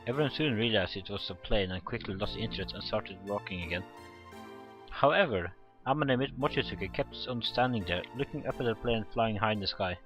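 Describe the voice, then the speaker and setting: Brisk and expressive, this lowish male voice narrates a visual novel for a let's play. He speaks casually, stumbles over lines, and adds his own comments while the game's music runs in the background.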